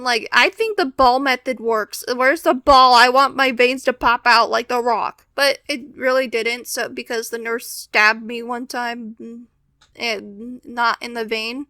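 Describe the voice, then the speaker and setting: A woman's voice: on the high side, creaky, sharp tone, dry recording. A teenage girl telling a personal story casually, with wry, exasperated complaints and acted-out quotes.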